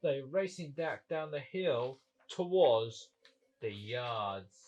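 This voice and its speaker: A man's voice: mid-range voice, animated, slow, a little mellow, lo-fi sound, slight background noise. A man narrating an improvised toy-train story, with frequent restarts and repeated words.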